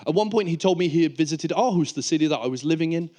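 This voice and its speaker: A British man performing a stand-up comedy routine on stage, telling stories in an animated way and acting out remarks. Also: a little high, fast. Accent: British English. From United Kingdom. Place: live comedy show in front of an audience.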